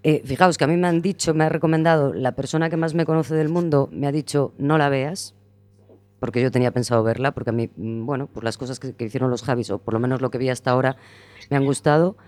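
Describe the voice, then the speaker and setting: A man's voice: mid-range voice, quick pace, a little mellow, no echo. A man hosting a casual podcast chat, talking at length with many hesitations and fillers. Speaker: host.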